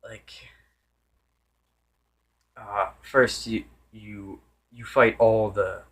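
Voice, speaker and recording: Low-voiced man rambling through a game review. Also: level tone, drawn-out words, fairly bright tone. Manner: rambling, with many restarts and self-corrections; loses his train of thought. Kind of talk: casual unscripted game review.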